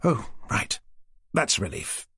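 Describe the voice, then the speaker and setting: A woman's voice: measured pace, fairly bright tone, no room sound, studio quality, lightly acted. A man voicing a cheerful pregnant woman chatting on the phone, in a chatty, teasing manner.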